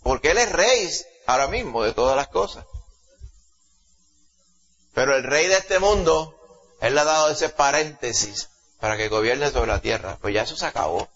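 A man with a Puerto Rican accent preaching a sermon to a congregation, emphatic, rising to loud exclamations and dropping low, often asking his listeners questions. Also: expressive, moderate pace, pauses often. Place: church service before a congregation. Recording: dull lo-fi recording.

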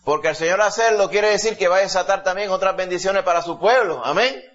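A man's voice: sits high, quick pace, a bit bright. A man preaching a sermon in an emphatic way, often calling his listeners brother. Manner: emphatic, keeps addressing listeners as "hermano". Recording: dull lo-fi recording.

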